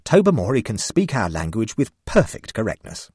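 A self-satisfied scientist lectures with patient condescension, as a man reads him. The voice is husky and close, rising a little above the narration. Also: fairly low pitch, huge pitch swings, moderate pace, a little mellow, no room sound, voice pushed up, full character voice. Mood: condescending. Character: smug male scientist, patient and triumphant.

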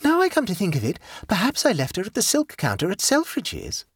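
A man's voice: high voice, wildly swooping pitch, a little fast, husky, no echo, clean studio sound, voice pushed up, exaggerated voice. A man doing a breezy absent-minded society lady. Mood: rambling. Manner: breezy, rambling. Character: absent-minded chattering society woman, cheerful.

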